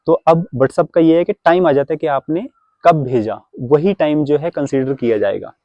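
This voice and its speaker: A man's voice: a little high, normal speed, dark tone, no room sound. Preachy man vlogging, dry dull sound. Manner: preachy, advising viewers on tradition. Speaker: vlogger, father. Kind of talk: casual vlog talk to camera. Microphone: phone camera.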